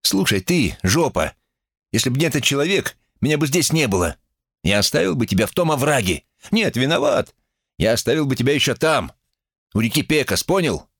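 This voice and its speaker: A man's voice: mid-range voice, sing-song, normal speed, hardly any pauses, husky, voice pushed up. A man voicing a sarcastic, irritated young male cowboy who talks in a raised, strident voice. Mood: angry. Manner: mocking, jeering.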